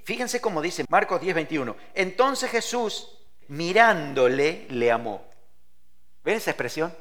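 A man preaching a sermon, swinging his voice up and down and acting out scripture dialogue as he tells it. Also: measured pace. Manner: expressive preaching with wide swings in pitch and loudness; quotes and acts out scripture dialogue.

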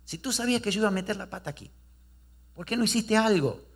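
Man voicing remorseful apostle, husky, pleading, self-reproaching, raised strained pitch, sermon dramatization. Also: fast. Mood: anguished. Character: Peter, a remorseful male apostle.

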